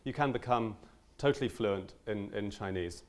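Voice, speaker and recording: A young man, a language teacher, giving an earnest, animated conference talk with frequent ums and restarts. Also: on the low side, normal speed.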